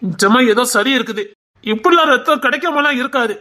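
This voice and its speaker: Man doing a calm reassuring doctor, high bright voice, tirunelveli accent. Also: brisk, heavily acted. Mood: puzzled. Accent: Tirunelveli Tamil. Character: reassuring male hospital doctor.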